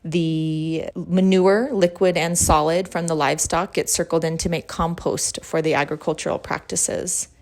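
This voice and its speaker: A woman narrates a travel vlog in a clear, informative voice. Her pitch sits a little low and her delivery stays even. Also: moderate pace, few pauses. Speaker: host. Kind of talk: scripted narration.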